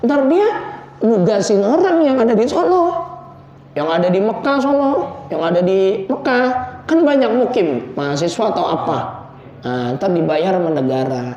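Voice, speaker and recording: A man preaching, telling stories with jokes and loud emotional peaks. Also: high voice, animated, normal speed. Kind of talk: informal religious study talk. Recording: echoey room, dull lo-fi sound.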